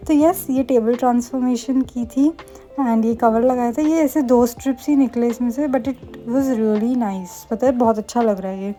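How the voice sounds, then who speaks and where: Fast, chatty young woman vlogging. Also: on the high side, warm tone, soft background music. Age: young adult. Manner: self-mocking, playful asides. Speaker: medical student vlogger. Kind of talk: casual vlog chat. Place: student hostel room.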